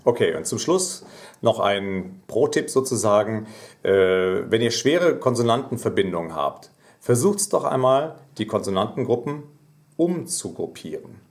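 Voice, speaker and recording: Male singing teacher, lower register, patient explainer who breaks into sung examples. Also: sing-song, normal speed. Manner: explanatory, sings short demonstration phrases. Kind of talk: voice lesson.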